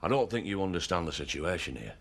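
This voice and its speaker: A man's voice: very animated, normal speed, fairly bright tone. An actor playing a menacing, possessive man in a television soap drama, threatening and contemptuous. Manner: threatening, contemptuous, growling low at times. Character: menacing, possessive man defending his farmhouse.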